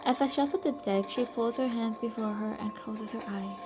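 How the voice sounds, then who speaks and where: A woman's voice: a little high, normal speed, over music. A woman streaming a story game live, reading the narration aloud and making casual asides.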